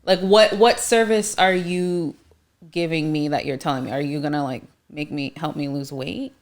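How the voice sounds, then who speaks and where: Low-voiced woman speaking frankly. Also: moderate pace. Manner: candid, speaks personally, with restarts. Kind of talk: casual chat.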